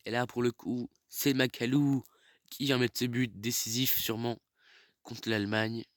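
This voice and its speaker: A man doing excited sports commentary over a football video game, exclaiming as he calls the play. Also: mid-range voice, moderate pace, no room sound, studio quality.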